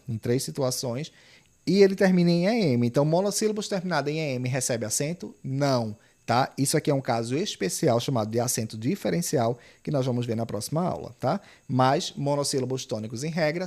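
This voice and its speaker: Brazilian male exam-prep teacher, mid-pitched, step-by-step, punchy asides. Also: darkish tone. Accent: Brazilian Portuguese. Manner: explains step by step, often adds "tá?" and "ó"; stresses key points with emphatic, urgent appeals. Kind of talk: online grammar lesson.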